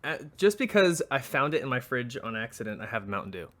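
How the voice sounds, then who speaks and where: A man's voice: mid-range voice, sing-song, fast, a bit bright. Guy cohosting a chill podcast, rambly and jokey, teasing his buddies. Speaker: podcast co-host. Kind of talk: casual chat.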